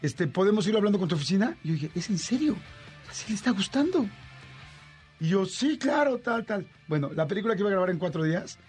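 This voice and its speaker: A high-pitched, fast-talking man with a Mexican Spanish accent, a radio host and voice actor, tells a story in casual chat with faint music behind him. He's animated, acting out the dialogue with shifting voices.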